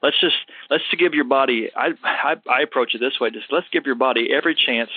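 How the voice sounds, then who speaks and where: On the line with a caller, a male health show host, himself a health practitioner, replies in a thoughtful, casual manner packed with fillers. His voice is medium-pitched and quick, with no room sound in a dry, narrow, phone-like recording.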